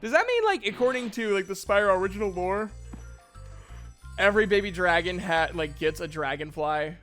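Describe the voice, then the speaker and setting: A young man streaming a game and chatting over it in a rambling, jokey way, his voice sitting slightly high. He leans on plenty of fillers, and faint game music plays underneath his talk. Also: expressive, moderate pace, fairly bright tone. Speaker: streamer and voice actor. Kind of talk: casual gameplay commentary.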